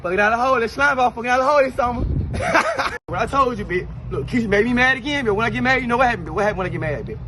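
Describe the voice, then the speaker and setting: A young man with a very high voice rants boastfully through a comedy skit, swearing constantly. Loud street noise hums behind him on an outdoor recording. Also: big pitch swings, very fast. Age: 20s. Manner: loud boastful ranting, heavy profanity. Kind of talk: brash comedic skit ranting.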